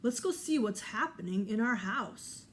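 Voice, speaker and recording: A woman voicing a big, calm father bear who speaks loudly and ponderously. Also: on the high side, measured pace, a little hiss or hum. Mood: wondering, firm.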